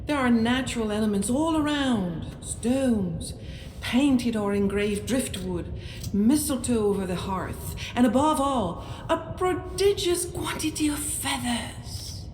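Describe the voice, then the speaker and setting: Slow, echoey woman narrating a game. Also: a little high, lively intonation. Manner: measured, with occasional hushed whispers. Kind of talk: scripted storybook narration. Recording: roomy echo, faint noise.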